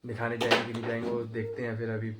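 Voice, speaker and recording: A man's voice: medium pitch, monotone, racing, heavy background noise. A young man with back pain chatting casually to his viewers while filming a home vlog. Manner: chatty, addressing viewers directly. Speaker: vlogger.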